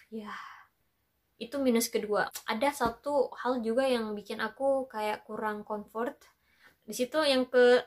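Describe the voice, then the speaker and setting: A young woman from tells a casual storytime vlog. Her voice sits a little high, and she talks in a chatty, playful way with frequent laughs. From Makassar, Indonesia. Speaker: vlogger.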